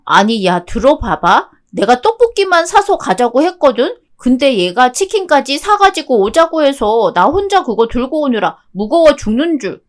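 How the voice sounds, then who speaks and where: A woman's voice: high voice, sing-song, moderate pace, hardly any pauses. A woman voicing a brash, chatty young woman friend who banters and complains in a radio drama story. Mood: bantering.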